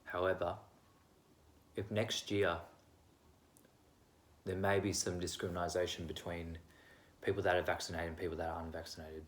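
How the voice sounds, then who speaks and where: A young man talks straight to his own camera at home, sharing his views in a loose, wandering monologue. His voice sits a little low, and he is quick to poke fun at himself. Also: flat delivery. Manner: rambling, self-deprecating, candid. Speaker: vlogger. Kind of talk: casual opinion monologue.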